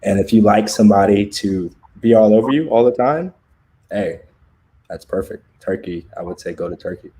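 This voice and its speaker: A relaxed American man with a lowish voice hosts a casual livestream chat. He talks in loose slang, laughs easily and drifts between stories. A faint room hum sits under his voice. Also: normal speed. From United States. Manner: laid-back, laughs often, loose slangy talk. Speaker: livestream host.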